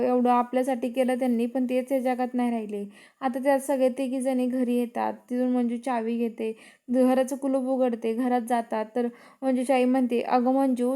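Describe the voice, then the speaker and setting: Smooth, mellow-voiced woman retelling a serial. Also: sits high. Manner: narrates in third person, voicing each character's lines plainly. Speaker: narrator retelling a TV serial episode. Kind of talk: storytelling recap with acted dialogue.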